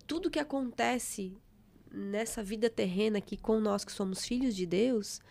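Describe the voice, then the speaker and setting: A middle-aged woman, giving a fervent, expressive testimony of faith as a guest. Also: medium pitch, moderate pace, gravelly.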